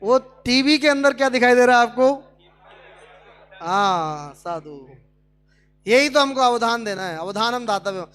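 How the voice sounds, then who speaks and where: A man's voice: very high-pitched, expressive, a little slow, pauses often, a bit bright, clean tone, faint music behind. A man teaching a Sanskrit class at a speaking camp, drilling students with questions.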